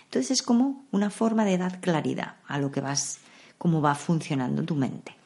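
A woman with a low, soft voice talks through meditation practices in a relaxed podcast monologue. She speaks calmly and conversationally, explaining each practice gently. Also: moderate pace, gravelly. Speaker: podcast host.

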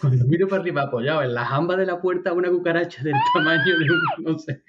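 Fast-talking man telling stories. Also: fairly high pitch, muffled recording, very noisy. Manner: animated, acts out shouts of the story. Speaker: guest storyteller. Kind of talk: casual podcast anecdote.

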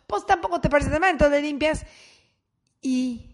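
High-voiced Mexican woman, crude comic rant. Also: normal speed. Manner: crude, profane and chatty, addressing listeners directly. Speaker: comedian. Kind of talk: stand-up style comic monologue.

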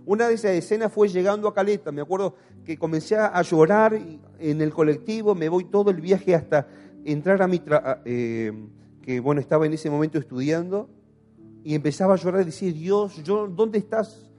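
A man's voice: fairly high pitch, fairly quick, darkish tone, faint music behind. A pastor in his thirties with an Argentine accent, preaching a passionate sermon and asking the congregation questions. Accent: Argentine Spanish. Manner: impassioned, asks the congregation questions.

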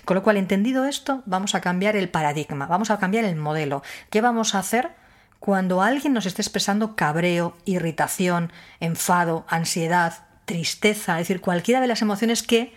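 A woman's voice: medium pitch, normal speed. A woman giving an explanatory talk on handling emotions, using rhetorical questions and firm emphasis. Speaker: speaker on emotional wellbeing.

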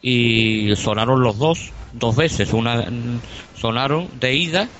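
A man's voice: mid-range voice, slow, a bit bright, muffled recording, a little hiss or hum. A man, a paranormal investigator, talking casually on a radio show, with many hesitations, fillers and restarts.

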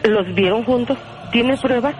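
A woman's voice: on the high side, unhurried, rough recording. A middle-aged woman, talking on a radio prank call with insistent, emotional questions. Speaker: prank call victim, caller's mother. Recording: radio broadcast over phone with music.

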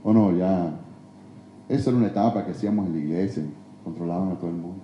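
A man preaching a sermon in a church, emphatic, swinging between loud exhortation and hushed confession. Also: deep voice, fast talker, highs cut off, a little hiss or hum. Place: church sanctuary. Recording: echoey church hall.

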